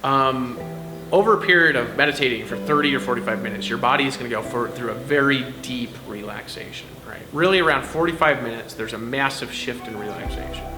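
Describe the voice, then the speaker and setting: A man's voice: mid-range voice, brisk. A man giving casual meditation instruction to camera in a rambling, conversational way, often tagging phrases with "right?" and "like". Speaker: meditation teacher. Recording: echoey room with music behind. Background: background music.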